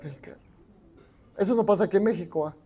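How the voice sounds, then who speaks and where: Conversational Mexican pastor preaching. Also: male voice, high voice, brisk, dark tone. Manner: conversational, asks the congregation questions. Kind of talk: sermon. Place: church.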